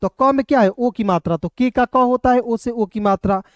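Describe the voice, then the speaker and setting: A man runs a casual classroom lesson in a high voice. He keeps asking his viewers quick questions and answering them himself. The sound is dry and close, with no room around it. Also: no room sound. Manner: repeats rhetorical questions to viewers. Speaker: English teacher.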